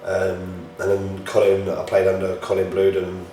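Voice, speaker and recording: This man, a footballer, chats casually with the group and tells matey anecdotes in a low, monotone, dark voice at normal speed. He's captured by a distant microphone in a reverberant indoor room, very echoey with faint noise.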